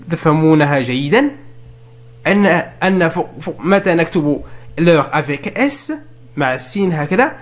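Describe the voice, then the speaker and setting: A man leads a French spelling lesson in a language other than French, explaining each step in turn. He asks and answers his own questions and slowly dictates examples, speaking in a voice that's a little high.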